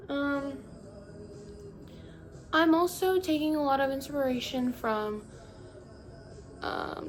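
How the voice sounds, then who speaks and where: A young woman vlogging to her phone, chatty and rambling, cutting herself off often, talking with a put-on valley-girl inflection. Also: sits high. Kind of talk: casual chat to camera. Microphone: phone camera. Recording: phone recording with faint music behind. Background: faint music playing.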